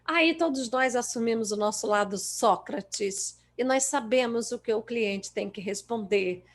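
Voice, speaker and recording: A Brazilian woman trainer lectures on coaching with emphatic, lively delivery. Her voice sits a little high for a woman, and she acts out the replies of clients as she goes. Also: measured pace. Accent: Brazilian Portuguese.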